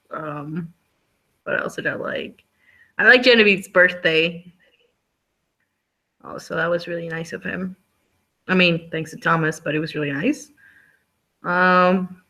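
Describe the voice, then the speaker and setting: A woman with a fairly low, creaky voice and a sharp tone speaks a little slowly, pausing often, as she hosts a live online book discussion. The talk is casual, chatty, and rambling, full of "like."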